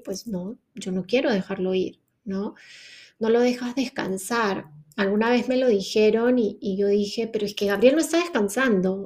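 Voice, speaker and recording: Woman host, earnest, reflective solo talk, slightly higher voice. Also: a little mellow. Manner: earnest, frequent rhetorical questions and tag "¿no?". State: grieving mother. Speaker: podcast host.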